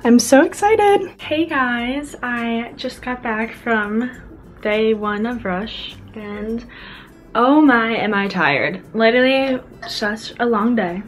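Soft music plays behind a young woman taking it slowly in a fairly high voice as she vlogs indoors in her small college dorm room. She holds the camera at arm's length and chats bubbly and casually, sprinkling in lots of "like."

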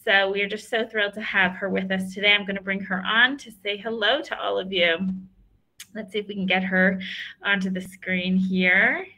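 This is a woman hosting a live online webinar with a bright, forceful tone. She speaks in a friendly way, with plenty of fillers. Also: medium pitch, fairly even intonation, normal speed, poor audio. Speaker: webinar host.

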